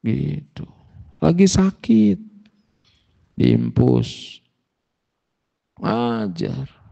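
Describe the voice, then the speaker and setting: A man preaching as an Islamic teacher, telling stories with emphatic jumps in pitch. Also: lively intonation, slow, vocal fry, dark tone. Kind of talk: sermon. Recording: muffled lo-fi recording.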